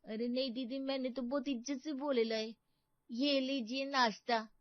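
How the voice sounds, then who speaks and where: A woman's voice: high voice, fairly even intonation, moderate pace, no echo, muffled recording, close to an everyday voice. A woman voicing a naive, childlike young house maid who talks in a simple, colloquial, innocent way. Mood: meek. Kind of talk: animated story voice acting.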